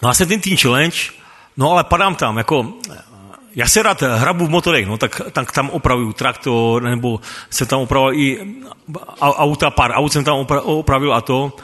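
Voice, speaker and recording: A man's voice: mid-range voice, fairly bright tone, long reverb tail. A man sharing a personal faith testimony as a ministry worker, stammering through restarts and chuckling often.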